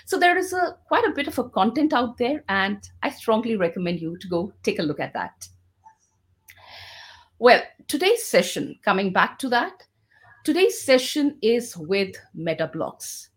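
A woman hosting an online Q&A session as a podcast host, speaking in formal, measured phrases with frequent pauses. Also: fairly high pitch, very animated.

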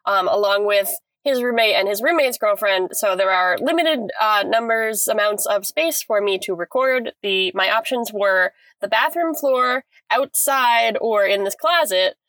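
A woman's voice: medium pitch, expressive, a little slow, few pauses, a bit bright, dry recording. A woman co-hosting a podcast in casual chat over a video call, recording from inside a small clothes closet, chatty and upbeat, laughing easily. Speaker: podcast co-host.

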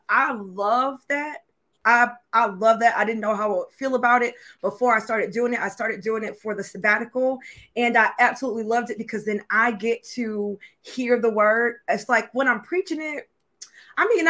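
Woman pastor, slightly high voice, loose conversational sermon opener, self-deprecating, quick to laugh. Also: bright, forceful tone. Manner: candid and self-deprecating, laughing often, asking viewers questions. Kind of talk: casual, conversational sermon opening to an online congregation.

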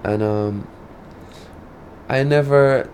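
A man with a medium-pitched, darkish voice draws out his words in the country drawl of rural Saint Elizabeth, Jamaica. He speaks Patois casually as an artist being interviewed, and the audio carries a little hiss or hum.

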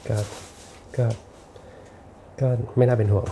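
Reflective middle-aged man, mellow voice. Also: slight background noise. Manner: reflective, unhurried, with many restarts and repetitions. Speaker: podcast guest, architect and teacher. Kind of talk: casual podcast conversation.

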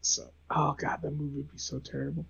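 A man's voice: fairly high pitch, little pitch movement, brisk, creaky, a bit bright, slightly rough, highs cut off. A man hosting a casual podcast chat, joking and teasing his co-hosts and saying "like" often. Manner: jokey, teasing, says "like" often. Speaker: podcast host.

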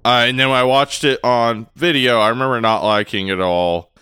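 A man co-hosting a podcast, chatting casually with an animated, enthusiastic manner and frequent laughter. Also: mid-range voice, brisk, clean tone, no echo, clean studio sound. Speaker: podcast co-host.

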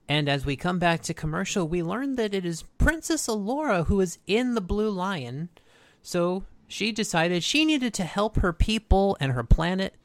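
A podcast co-host recapping an episode in casual, informal and animated storytelling. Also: medium pitch, no echo.

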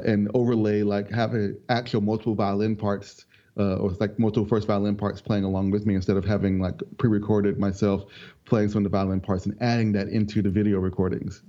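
Soft-spoken young man, dull lo-fi sound. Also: fairly low pitch. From North Carolina. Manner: relaxed, rambling, with many ums and quick laughs. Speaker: interview guest, multi-instrument musician. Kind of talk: casual interview chat. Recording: dull lo-fi audio.

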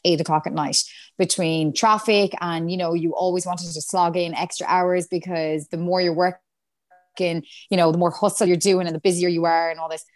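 A woman from Galway with a west of Ireland accent, chatting casually and expressively, acting out little quotes as she tells stories. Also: on the low side. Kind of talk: casual chat.

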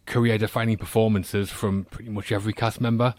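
A man's voice: on the low side, little pitch movement, a little fast, darkish tone, no room sound. A British man delivering confident, opinionated film verdicts in casual podcast chat.

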